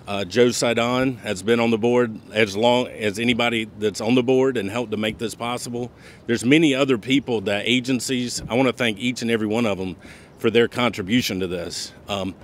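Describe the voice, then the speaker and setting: Southern US man, board chair, low-pitched, easygoing outdoor speech. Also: a little hiss or hum. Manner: folksy, halting with fillers. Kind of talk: ceremony speech. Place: outdoor groundbreaking.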